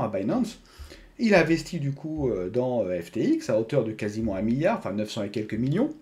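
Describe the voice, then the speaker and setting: Animated man explaining to his viewers. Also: medium pitch. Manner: conversational, many fillers and restarts, addresses viewers directly. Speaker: crypto YouTuber. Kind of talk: casual explanatory talk to camera.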